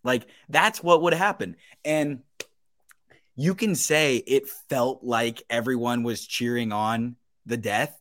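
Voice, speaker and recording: A man's voice: mid-range voice, takes it slowly, a bit bright, dry recording, clean studio sound. A man co-hosting a sports podcast, jokingly formal as he argues his side like a lawyer before a judge. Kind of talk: playful mock courtroom argument.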